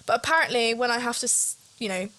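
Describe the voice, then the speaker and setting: A woman's voice: on the high side, fast talker, bright, forceful tone. A young woman co-hosting a chatty podcast, nervous and prone to rambling. She talks in long, self-aware trains of thought, catching and correcting herself as she goes. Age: young adult. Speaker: podcast co-host. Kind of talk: casual chat.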